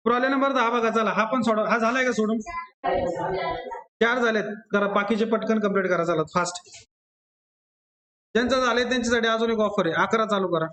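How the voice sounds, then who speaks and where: A man with a Marathi accent lectures a class on accountancy in an echoey classroom, drilling rules through repetition and quizzing students by name. His voice is extremely high-pitched and sharp.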